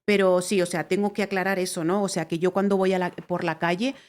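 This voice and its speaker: A woman's voice: on the low side, fairly even intonation, a little fast, a little mellow. A woman from Spain with a Spanish accent, hosting a reaction video in chatty, emphatic casual talk full of fillers. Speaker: reaction channel host. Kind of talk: casual chat.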